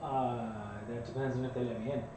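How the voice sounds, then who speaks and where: A man's voice: medium pitch, level tone, fairly quick, dark tone. A man speaking casually as a player in a tabletop role-playing game. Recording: distant mic, very echoey room, faint noise.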